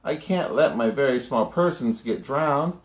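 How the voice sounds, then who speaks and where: A man's voice: mid-range voice, lively intonation, a little slow, pitched above the performer's own voice, lightly acted. Horton the kind elephant, read by a man. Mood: earnest. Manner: earnest and pleading. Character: kind worried big male elephant. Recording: roomy echo.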